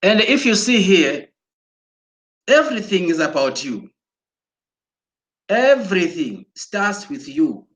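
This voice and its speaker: Excited high-voiced man urging listeners on. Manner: excited, exhorting, repeats and restarts words. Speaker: broadcaster. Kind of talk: promotional motivational talk.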